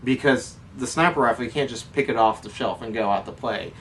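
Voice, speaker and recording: Speaking at a medium pitch with a fairly bright tone and a fairly quick delivery, this man co-hosts a relaxed airsoft Q&A, explaining things casually. He's recorded from a distance, with faint noise behind him.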